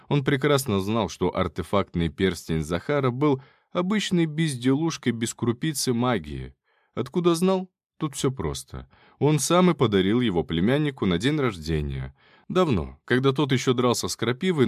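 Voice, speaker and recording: A man's voice: medium pitch, no echo, studio quality. A man giving casual first-person audiobook narration in a wry, colloquial manner.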